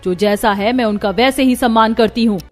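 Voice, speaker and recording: A woman's voice: on the high side, fairly quick, faint music behind, lightly acted. A woman voicing a heavy, outspoken young daughter-in-law in a cartoon story, fiery and defiant. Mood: angry. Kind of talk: cartoon voice acting.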